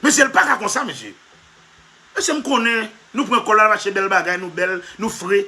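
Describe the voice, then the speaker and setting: The speaker is a male comedy vlogger with a high-pitched, sharp voice and a brisk delivery. He gives an emphatic, repetitive comic monologue, often half-laughing, and repeatedly speaks to "monsieur."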